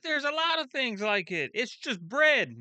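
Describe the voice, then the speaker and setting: A young man reacts to a food video in a loose, blunt way, swearing and restarting his thoughts as he goes. His voice is bright and smooth. The recording is dry and close, with no room sound. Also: very high-pitched, big pitch swings, unhurried, no echo. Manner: blunt, swears freely, thinks aloud with restarts. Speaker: channel host reacting to a video. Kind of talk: casual reaction commentary.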